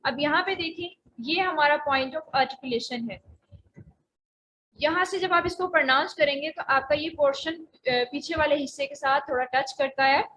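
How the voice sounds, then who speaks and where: A woman's voice: sits high, normal speed, fairly bright tone, a little hiss or hum, rough recording. A woman teaching Quran recitation in an online lecture, explaining pronunciation patiently with frequent hesitations. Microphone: voice only, face not shown.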